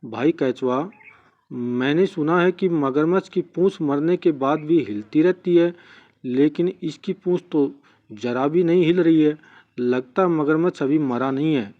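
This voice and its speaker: A man's voice: on the high side, a little slow, lightly acted. A man voicing a clever, cautious jackal who sees through a trick, in a dull lo-fi recording. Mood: shrewd. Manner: shrewd, suspicious.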